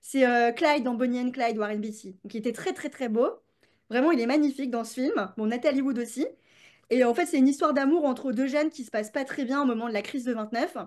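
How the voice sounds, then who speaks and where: A woman's voice: fairly high pitch, fairly quick, a little mellow. A woman, a creativity coach, chatting as a podcast guest with many fillers and restarts. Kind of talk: casual podcast interview.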